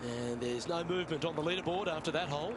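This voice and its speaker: A man's voice: a little high, fast, noisy background. A man calling golf as the lead commentator in a sports video game. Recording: loud outdoor ambience behind commentary. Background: loud outdoor ambience.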